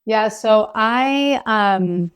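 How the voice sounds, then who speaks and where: Soft-spoken woman guest full of ums. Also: a little high, drawn-out words, clean tone. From Los Angeles, California. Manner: hesitant, full of ums, likes and you knows. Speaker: guest physician. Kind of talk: casual podcast conversation.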